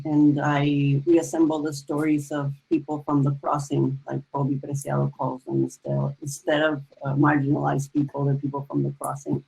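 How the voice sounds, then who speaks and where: A woman from the Republic, a storyteller and novelist speaking in a panel discussion over a video call, halting and full of fillers. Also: deep voice, creaky, warm tone, husky, poor audio. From Dominican Republic.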